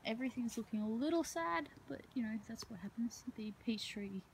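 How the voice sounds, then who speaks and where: A woman's voice: a little high, animated, fairly quick, gravelly, a little hiss or hum, low-quality recording. A woman, a herbalist giving a casual tour of her outdoor garden, talking into a handheld phone in a rambling way with frequent ums.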